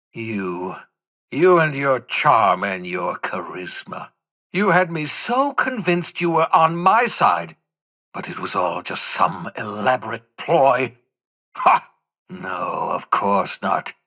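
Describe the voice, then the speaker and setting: In a video game, an older man plays an embittered, desperate renegade scientist. His raspy voice sits fairly low yet sounds pushed and bright, and his delivery is heavily acted: theatrical, sarcastic and erudite.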